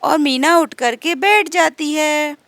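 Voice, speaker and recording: A woman's voice: high-pitched, slow pace, a bit bright, dry recording. A woman narrating a doll story, explaining each scene in simple words.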